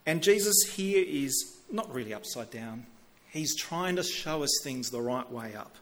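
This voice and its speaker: A man's voice: medium pitch, lively intonation, a little slow. A middle-aged man preaching a sermon in a conversational way, often repeating words as he starts a sentence. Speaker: pastor.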